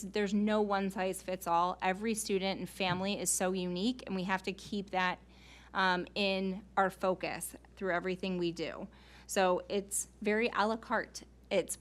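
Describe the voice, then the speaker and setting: A woman with a medium-pitched voice presents at a meeting as a school staff member. Her informal, explanatory talk is earnest and often uses rhetorical questions.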